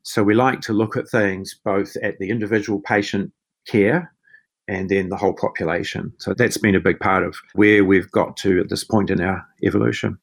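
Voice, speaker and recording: Kiwi guy w/ thick nz accent, kinda low voice, chatting as an interview guest. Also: steady tone, moderate pace, gravelly. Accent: broad New Zealand (Kiwi). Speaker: podcast guest, chief medical officer and physician. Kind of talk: conversational interview answers.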